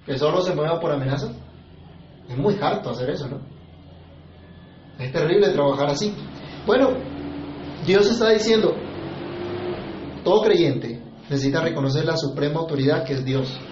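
A man's voice: fairly high pitch, lively intonation, moderate pace, pauses often, darkish tone, a little hiss or hum. Man preaching with questions in an echoey room. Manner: conversational preaching with rhetorical questions. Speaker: pastor. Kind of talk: sermon. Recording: echoey, slightly muffled room recording.

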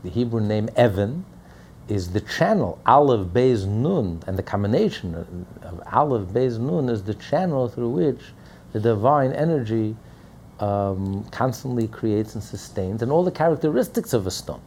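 A man's voice: medium pitch, lively intonation, normal speed, a little mellow, a little hiss or hum. A man teaching a Torah lesson as a rabbi, speaking emphatically and repeating key phrases.

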